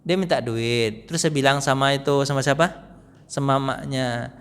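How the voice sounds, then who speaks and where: A man preaching a morning study sermon in a mosque, chatty and full of questions to the audience, often acting out the people he quotes in a lower voice. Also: fairly even intonation, moderate pace, clear, resonant tone. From West Sumatra. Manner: conversational, keeps asking the audience questions. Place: mosque hall. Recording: long reverb in a mosque hall.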